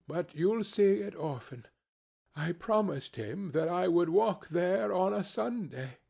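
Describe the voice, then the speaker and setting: A man acting a meek, slow-spoken grieving father. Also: high-pitched, animated, vocal fry, pitched above the performer's own voice, full character voice. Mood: forced cheer. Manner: gentle, pleasant, tender. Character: meek, kindly, grief-stricken poor father. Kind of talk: storybook character reading.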